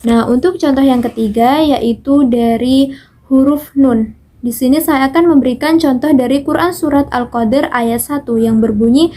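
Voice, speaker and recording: Young indonesian woman, high mellow voice, talks slow n patient, chants verses. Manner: slow, patient explaining with frequent "nah"; chants Quran verses slowly and melodically. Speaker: student giving a recitation lesson. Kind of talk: explaining Quran letter pronunciation.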